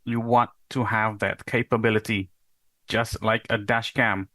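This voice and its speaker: In this recorded conference talk, a young PhD researcher from Indonesia speaks in a fairly bright, lowish voice with little pitch movement. He explains things in a measured manner, now and then asking a rhetorical question, and the recording is dry.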